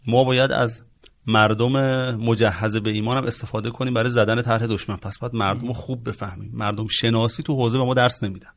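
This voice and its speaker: A man's voice: mid-range voice, steady tone. A man with a mid-range voice makes his case earnestly in a podcast discussion. He lands each point with emphasis.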